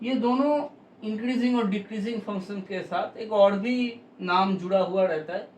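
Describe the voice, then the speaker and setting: A man teaching a math lesson, explaining slowly and step by step with frequent pauses. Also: high-pitched, darkish tone, reverberant, distant mic, slight background noise, poor audio.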